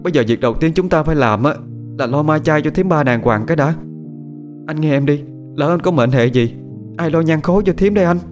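A man's voice: medium pitch, steady tone, very fast, hardly any pauses, music in the background, voice pushed up, lightly acted. Man putting on a tearful young village woman. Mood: pleading. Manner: tearful, pleading, stammering.

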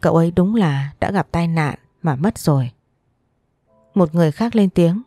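A woman narrating a first-person story in a sorrowful, measured reading. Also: fairly low pitch, animated, dark tone, no room sound, studio quality, soft background music.

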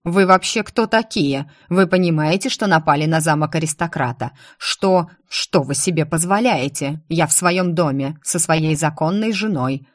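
A woman's voice: deep voice, normal speed, hardly any pauses, dry recording, studio quality, natural voice. A woman playing an indignant young nobleman. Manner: outraged, then bewildered.

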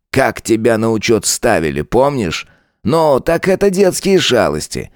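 A man's voice: lowish voice, no echo, voice pushed up. A sneering, cruel police lieutenant with a raised, taunting voice, as a male narrator puts him on. He jeers and threatens in a dry, close recording. He is an audiobook figure.

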